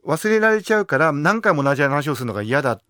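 A man's voice: a little high, sing-song, fast, bright, forceful tone, no echo, clean studio sound. A man interviewing a guest, listening closely with frequent nods and enthusiastic praise. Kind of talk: conversational interview.

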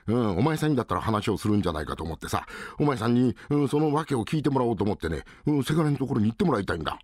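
A man's voice: mid-range voice, very animated, racing, darkish tone, no echo, studio quality. A man in a rakugo storytelling voicing a worried older merchant father who talks in a coaxing, anxious way.

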